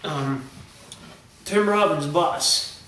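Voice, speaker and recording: Man, casual storyteller, rambling retellings, slightly high voice, roomy echo, distant mic, faint hiss. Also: extremely slow, sharp tone. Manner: rambling storyteller with restarts, acts out quoted lines. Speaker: co-host. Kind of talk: casual chat, retelling movie scenes and jokes.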